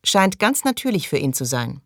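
A woman's voice: deep voice, sing-song, moderate pace, fairly bright tone, dry recording, studio quality, heavily acted. A woman reading an audiobook and voicing a suspicious, agitated man who accuses and raises his voice. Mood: bitter.

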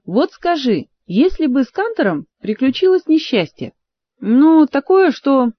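A woman's voice: a little high, no echo, muffled recording, voice pushed up. A woman doing a stern, sensible queen.

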